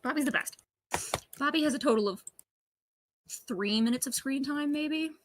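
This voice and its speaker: A woman's voice: high voice, moderate pace, dry recording. A woman chatting and telling stories casually during a gaming stream, swearing now and then. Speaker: streamer co-player.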